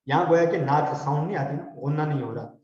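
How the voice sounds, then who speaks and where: A man teaching Quran recitation rules, slowly drawing out example words for students to repeat. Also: on the high side, darkish tone. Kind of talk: tajweed lesson with call-and-response recitation. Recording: echoey hall, dull lo-fi sound.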